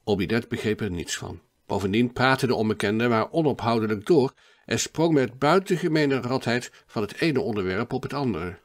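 A man narrating a classic adventure novel in a steady, measured audiobook reading. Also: medium pitch.

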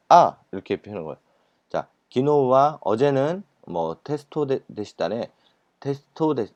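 A man's voice: mid-range voice, no room sound. A man teaching Japanese in a recorded lecture, explaining patiently with many fillers and repeated words. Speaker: Japanese language instructor.

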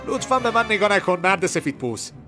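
A man voicing an eager, cheeky young male spider hero in a told story, speaking high and pushily. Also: very animated, music in the background. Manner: eager, high-pitched and pushy.

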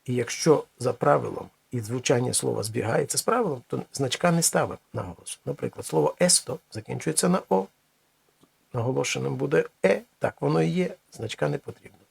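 Gravelly-voiced man teaching a lesson. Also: mid-range voice, lively intonation, dry recording. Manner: explains slowly, with many pauses and restarts. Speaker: language teacher. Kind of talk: recorded language lesson.

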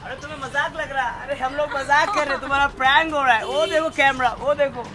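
A man's voice: very high voice, steady tone, fast, a crowd in the background. A man talking in a jokey, teasing way at a street prank. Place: street outdoors. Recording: noisy street with traffic.

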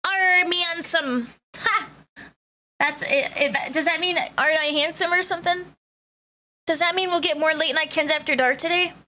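A woman's voice: high-pitched, fairly even intonation, fairly quick, bright, forceful tone. A woman streaming live, chatting casually and bubbly with her viewers, greeting each one.

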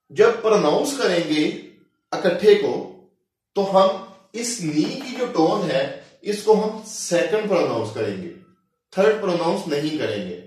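A man teaching Chinese tones, talking slowly and deliberately and repeating each syllable for practice. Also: sits high, a little mellow. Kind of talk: recorded language lecture. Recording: very echoey room, mic far off.

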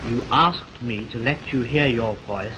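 A man's voice: mid-range voice, unhurried, lightly acted. A man teasing an actress in a crackly early sound-film test. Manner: teasing, mock-stern. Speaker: film director in a 1929 sound test clip. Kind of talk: early talkie banter. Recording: old film soundtrack with hiss.

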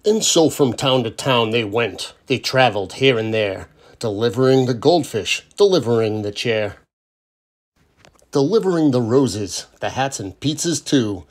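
Here a man takes his time over a children's picture book, reading it aloud in an unhurried, mid-range voice and giving the story plenty of expression.

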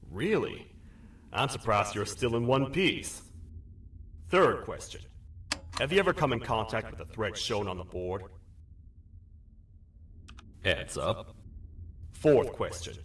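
A man voicing a gruff, dutiful toad sheriff in a video game, with a stern, wry, folksy lawman manner. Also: on the low side, animated, slow pace, long pauses, a bit bright, distant mic, a little hiss or hum. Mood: stern, interrogating. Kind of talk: video game character acting.

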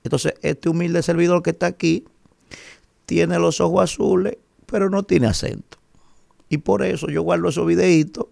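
Emphatic Dominican man, gravelly commentator. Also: a little high, darkish tone, no echo, studio quality. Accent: Dominican Spanish. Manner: emphatic, rhetorical, keeps asking "¿verdad?". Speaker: radio commentator. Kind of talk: opinion commentary. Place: radio studio, indoors. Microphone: studio mic on a boom arm.

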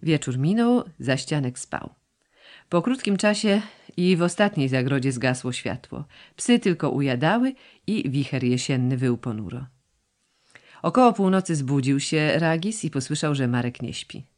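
A woman narrating a classic novel as an audiobook, reading with expressive, varied intonation. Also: low voice, normal speed. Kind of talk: scripted literary narration.

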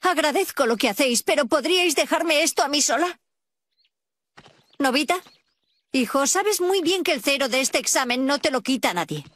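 A woman voicing a harried, quick-tempered but loving housewife mother in a cartoon dub, with a Castilian Spanish accent, given to scolding and calling out her child's name. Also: high voice, fairly bright tone. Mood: gentle, earnest. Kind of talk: animated cartoon dub acting.

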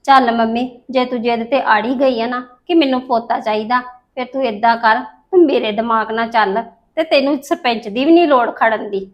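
A woman with a high voice plays a daughter in a family drama. She plots and reassures in a steady tone. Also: normal speed, muffled recording. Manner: scheming, reassuring. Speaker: daughter scheming with her mother. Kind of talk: scripted village family drama.

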